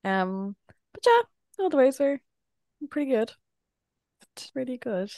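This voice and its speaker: A woman's voice: high-pitched, sing-song, takes it slowly, darkish tone, dry recording, studio quality. A young woman co-hosting a podcast, tired and yawning, chatting in a giggly, teasing way. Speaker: podcast co-host. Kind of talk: casual chat.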